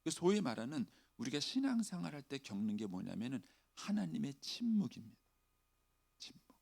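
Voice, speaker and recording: A middle-aged male pastor preaching a dawn sermon, acting out pleading prayers in a raised voice and dropping to soft near-whispers. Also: fairly high pitch, very animated, moderate pace, vocal fry.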